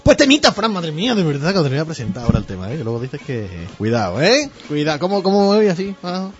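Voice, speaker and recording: A man's voice: on the high side, big pitch swings, fast, lo-fi sound, over music. A man hosting a local radio show, joking around with his co-hosts and introducing the songs. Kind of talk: casual studio banter.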